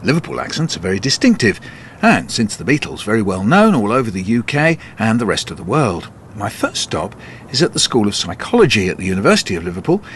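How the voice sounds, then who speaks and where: A man's voice: fairly low pitch, huge pitch swings, fast, fairly bright tone, slight background noise. An older man, working as a radio presenter, narrating and interviewing on location.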